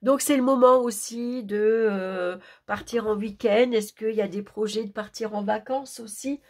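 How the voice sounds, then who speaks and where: A woman's voice: on the high side, steady tone, a little slow, a little mellow. A woman with a sore throat from tonsillitis presenting an informal tarot horoscope reading, subdued and searching for her words.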